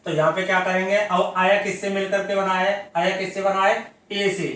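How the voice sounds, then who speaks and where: High-voiced teacher in a very echoey room. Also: male voice, little pitch movement, a bit bright, recorded from a distance. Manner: explains step by step, asking questions and answering them; drawn-out syllable-by-syllable pronunciation of example words. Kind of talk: Hindi grammar lesson. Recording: very echoey room, voice from away from the mic.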